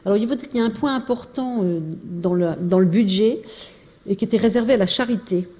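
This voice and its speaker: A woman's voice: medium pitch, quick pace, mellow, breathy edge. Hesitant woman lecturing in a reverberant hall. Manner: hesitant, many fillers and restarts. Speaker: lecturer presenting family archives. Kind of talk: informal illustrated talk.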